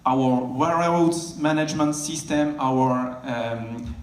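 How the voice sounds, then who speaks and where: A middle-aged man with a French accent giving a conference talk, pausing often with fillers as he searches for English words. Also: medium pitch. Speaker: conference speaker, network architect. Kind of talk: conference presentation. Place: large conference hall. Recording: echoey conference hall.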